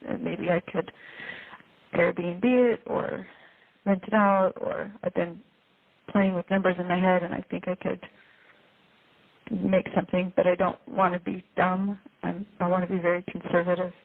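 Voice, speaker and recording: A woman speaking from prison over a phone call, in a halting, careful way. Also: fairly low pitch, flat delivery, vocal fry. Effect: heard over a prison phone call. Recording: tinny prison phone line.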